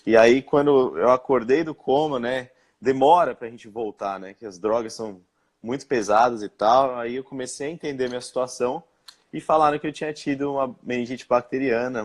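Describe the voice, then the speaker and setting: A young man from Brazil speaking in a live-stream interview, recounting his experience with many pauses, fillers and restarts. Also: mid-range voice, steady tone. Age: young adult. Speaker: interviewed guest.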